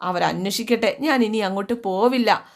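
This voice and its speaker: A woman voicing a humiliated young wife who speaks slowly with bitter hurt. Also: mid-range voice, natural voice. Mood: aggrieved. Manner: aggrieved, slow and heavy.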